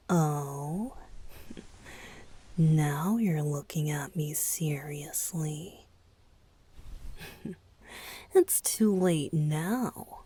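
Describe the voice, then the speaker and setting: For a romantic ASMR roleplay, a woman gives a full character voice to a tender, playful young male bard spirit, whispering softly and breathily. The voice sits low, and the halting, heartfelt delivery feels teasing and intimate.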